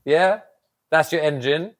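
An animated man in his thirties walks through a custom bike's parts in casual show-and-tell. He speaks outdoors beside a garage door, picked up on a clip-on mic. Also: fairly high pitch, unhurried. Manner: animated, explains with hand gestures. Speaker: custom motorcycle builder. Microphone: lapel mic.

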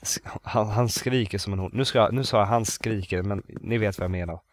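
A Swedish gamer with a voice on the low side commentates a horror game in a let's play, recorded with no room sound. Nervous and jumpy, he mutters to himself, repeats phrases, and swears when something startles him.

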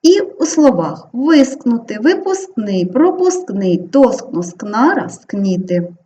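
Lively-pitched Ukrainian woman teaching grammar. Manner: clear, deliberate, drawn-out spelling of example words. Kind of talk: exam-prep grammar lesson. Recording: slightly dull lo-fi audio with faint background hiss.

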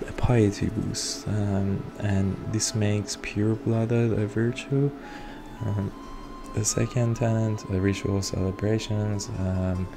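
Over background music, a man with a low, gravelly voice talks through a strategy game. He's a video reviewer whose first language is Persian, and his unscripted commentary is hesitant and sprinkled with ums and uhs.

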